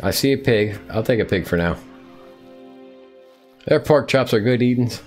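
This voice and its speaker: A man's voice: mid-range voice, normal speed, a little mellow, soft background music. A man streaming a survival game live, chatting playfully to himself and to the animals on screen. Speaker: gaming streamer. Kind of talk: live gameplay commentary.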